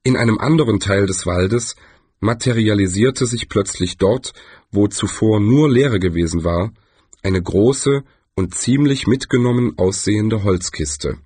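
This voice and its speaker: A man narrating a humorous fantasy audiobook in an expressive storytelling manner. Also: on the low side, unhurried, slightly rough, no room sound. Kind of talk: scripted narration.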